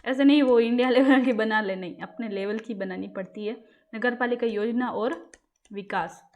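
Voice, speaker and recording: Higher-voiced woman teaching exam material. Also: normal speed, a little mellow, lo-fi sound. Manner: repeats questions to the class and answers them herself. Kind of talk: casual classroom lecture.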